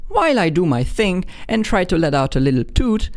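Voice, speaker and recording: A man's voice: high-pitched, very animated, fairly quick. A young man in his twenties with a Hungarian accent tells a personal story straight to the camera. His voice swings freely up and down. He is candid and self-mocking, and he often stumbles and restarts his sentences. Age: 20s. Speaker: vlogger.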